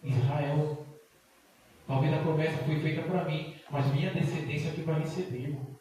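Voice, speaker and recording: A middle-aged Brazilian deacon preaching an impassioned Pentecostal sermon, pleading and breaking into loud bursts. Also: male voice, a little high, fairly even intonation, normal speed, a little hiss or hum. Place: church sanctuary. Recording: very echoey church hall, distant mic.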